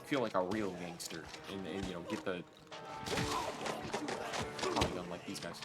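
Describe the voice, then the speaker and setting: A man's voice: deep voice, steady tone, normal speed, loud music behind the voice. A man streaming a game, chatting casually and jokingly to his viewers. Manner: chatty, addresses chat directly, jokey.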